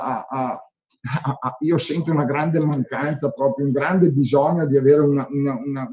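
A man's voice: on the high side, a little mellow, low-quality recording. A middle-aged man with a Venetian Italian accent, an entrepreneur giving his view in a loose, rambling way and often repeating words as he looks for the next phrase. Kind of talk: casual spoken commentary.

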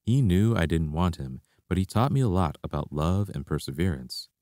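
A young man, a karate instructor, reading his own memoir aloud in a steady, reflective way. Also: low voice, moderate pace, dry recording, clean studio sound. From Canada. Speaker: martial arts instructor.

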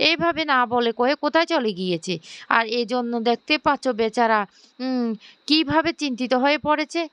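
A woman's voice: high voice, a bit bright, clear, resonant tone, dry recording. A woman voicing a scheming, pushy middle-aged woman who fusses insistently over a man. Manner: fussing, sweetly insistent.

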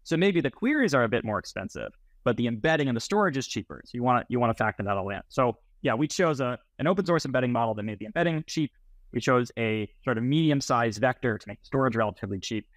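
A middle-aged software founder explains technical matters as an interview guest on a video call, speaking through earbuds. He's in a small, plain indoor room, and his mid-range voice has no echo.

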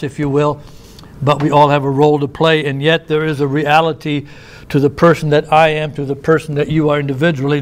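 A male preacher from the United States gives a sermon in a church. His voice sits a bit high, and he talks in a loose, conversational way, restarting phrases and tossing in asides.

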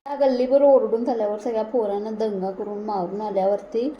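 A woman's voice: mid-range voice, fairly even intonation, fairly quick, muffled recording. A young woman chatting casually at home in a homely daily vlog, talking straight to her viewers. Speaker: vlogger. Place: home, indoors. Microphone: phone held at hand.

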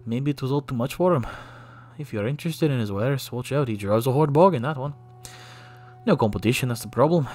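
A man's voice: mid-range voice, expressive, fairly quick, darkish tone, no echo, close to an everyday voice. A man voicing a chatty old male bug villager in a video game, with a put-on Scottish-Irish accent. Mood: gossipy.

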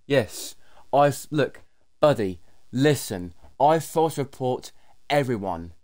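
A man's voice: mid-range voice, expressive, slow, darkish tone. A young British man, an irritable raging gamer who swears as he rants on a livestream while gaming. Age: young adult. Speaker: video game streamer. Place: small bedroom, indoors. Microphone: gaming headset.

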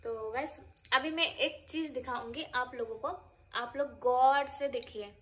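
A woman's voice: sits high, measured pace. A woman vlogging at home in a casual, rambling way, chatting straight to her viewers. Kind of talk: casual vlog chat. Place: home, indoors.

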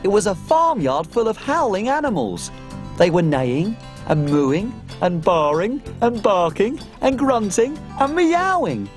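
An actress takes on the role of a tiny, cheerful cook, telling stories in bubbly, cheery children's TV fashion. Her medium-pitched voice is sing-song and measured, with faint music behind.

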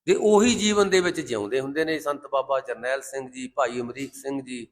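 Impassioned Sikh preacher man. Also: medium pitch. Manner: impassioned, slows to intone scripture lines. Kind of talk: Gurbani sermon with sung scripture quotes.

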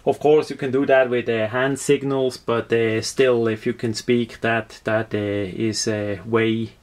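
Slow, halting man with a Swiss accent. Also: mid-range voice, level tone. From Switzerland. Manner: halting, searching for words, repeats words. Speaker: product reviewer. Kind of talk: unscripted product demonstration.

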